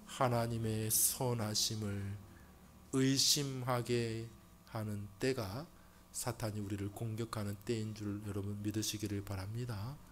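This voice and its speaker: A male pastor preaching a Sunday sermon, asking rhetorical questions and swinging from loud exclamations to hushed, slow emphasis. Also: lowish voice, steady tone, slight background noise.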